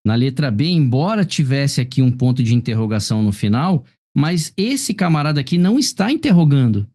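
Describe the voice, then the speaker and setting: His mid-range, mellow voice swings widely in pitch and moves a little fast. Correcting a test in a live grammar class by video call, this Brazilian Portuguese-accented man explains things patiently, saying "ó" often and asking "tá vendo?" over and over.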